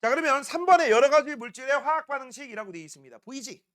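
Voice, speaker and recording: A man teaching a science class, quizzing students by name with quick questions in a casual, teasing way. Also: very high-pitched, fairly bright tone. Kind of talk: classroom lecture.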